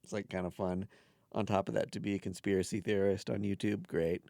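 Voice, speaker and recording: A man's voice: deep voice, flat delivery, brisk, creaky, mellow, no echo, studio quality. A man co-hosting a comic book podcast, jokey and offhand in casual chat. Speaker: podcast co-host.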